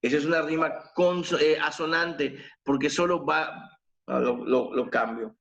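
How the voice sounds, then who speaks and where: A man teaching an online literature class, explaining slowly and patiently, with fillers and self-corrections. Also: on the high side, fairly even intonation, creaky, fairly bright tone, lo-fi sound. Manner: slow, explanatory, counting syllables aloud with fillers and self-corrections. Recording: echoey room.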